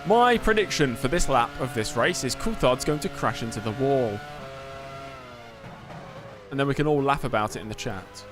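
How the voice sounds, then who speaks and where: A man's voice: mid-range voice, expressive, moderate pace, pauses often, over music. A man live-streaming a game, giving casual commentary, replying to chat and muttering to himself.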